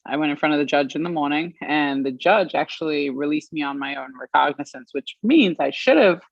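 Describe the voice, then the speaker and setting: A woman from Australia giving an earnest personal account as an interview guest, pausing often with fillers. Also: low voice, gravelly, no room sound. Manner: earnest, measured, with frequent pauses and fillers. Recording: dry, slightly muffled stream audio.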